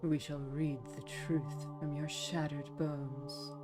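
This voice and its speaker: A woman voicing a haughty, menacing dark queen from a game, very soft, unhurried and imperious. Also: deep voice, flat delivery, loud music behind the voice. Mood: cool menace. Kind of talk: dramatic game character read.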